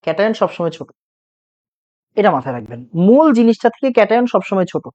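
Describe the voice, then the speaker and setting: Animated teacher, sore throat. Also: male voice, high voice, fast, lo-fi sound. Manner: repeats points, quizzes students with rhetorical questions. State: sore throat from talking loudly. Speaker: chemistry teacher. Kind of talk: online class lecture.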